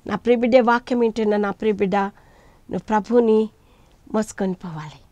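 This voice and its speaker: A woman preaching a sermon, swinging between loud cries and hushed asides as she retells scripture in quoted voices. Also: medium pitch, steady tone, fairly quick, no room sound, dull audio.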